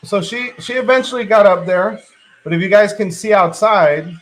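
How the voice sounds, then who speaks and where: A man's voice: high-pitched, moderate pace. A man hosting a casual live stream, chatting with a woman and reading out viewer comments. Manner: relaxed, reads out viewer comments. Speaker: vlog host.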